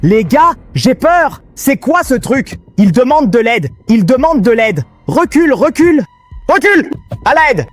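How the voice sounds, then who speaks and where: A man narrating his gameplay in an excited, panicky way, constantly calling out to his viewers. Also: extremely high pitch, a little slow, no echo, faint music behind. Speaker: gaming video host.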